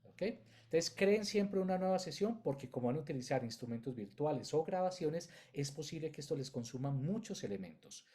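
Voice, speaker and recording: A man lectures an online class, talking his students through ideas in loose, chained phrases. His voice sits a little high for a man, yet its tone is dark and mellow. He keeps an explanatory teaching manner throughout. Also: expressive, brisk. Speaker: music and sound teacher.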